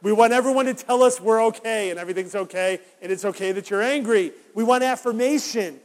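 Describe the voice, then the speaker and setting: A man's voice: sits high, a little fast, long reverb tail. A man preaching a sermon as a pastor, talking conversationally and putting rhetorical questions to his congregation.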